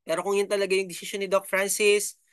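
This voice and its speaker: His voice is high and level, his pace quick and his tone clean: a middle-aged Filipino YouTube host giving casual commentary. Chatty and full of fillers, he frequently says "no?" and "di ba?". The recording is dry.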